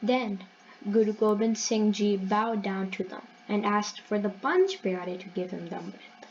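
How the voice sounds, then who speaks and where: A woman retells a religious story in an earnest, explanatory voice of ordinary pitch, often stopping to correct herself. The recording sounds dull and lo-fi, with a faint hiss behind her. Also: unhurried, a little mellow. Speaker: channel host.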